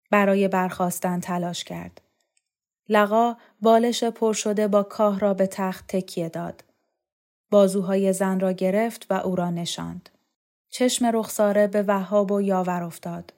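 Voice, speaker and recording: A woman narrating a literary novel in a steady, measured reading voice, as a regular storyteller of a bedtime story show. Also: mid-range voice. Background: soft music.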